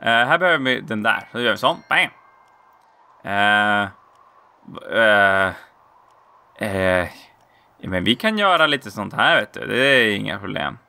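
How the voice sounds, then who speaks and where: A man giving casual, playful commentary while playing a video game, often laughing and squealing out high exclamations. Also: expressive, vocal fry, long pauses, bright, forceful tone, dry recording. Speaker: let's play gamer.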